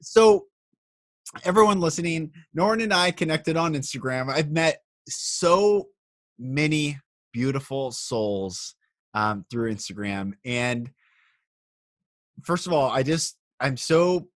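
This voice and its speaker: A man hosting a spiritual podcast, speaking in an earnest, heartfelt way and sending blessings to listeners. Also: medium pitch. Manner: warm, earnest, blessing-filled delivery. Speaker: podcast host.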